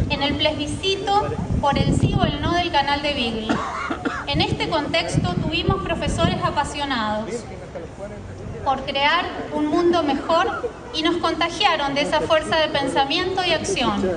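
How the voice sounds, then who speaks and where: Filmed from far back in the crowd, an alumni speaker in her early forties with an Argentine Spanish accent delivers a formal commemorative speech at a school courtyard podium. She reads from notes in a measured, reflective manner, her voice sitting high. The sound is an echoey outdoor PA heard from a distance, with the crowd audible.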